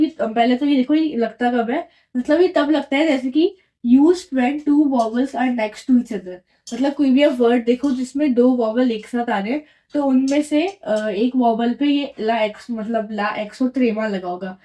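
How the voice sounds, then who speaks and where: A young woman with a slightly high, warm voice teaches French, explaining a language lesson casually. She patiently repeats each answer and quizzes her viewers.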